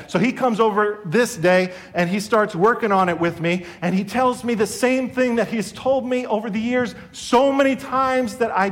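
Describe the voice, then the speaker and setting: High-voiced middle-aged pastor preaching. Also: male voice. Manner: earnest, conversational preaching to the congregation. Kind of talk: sermon.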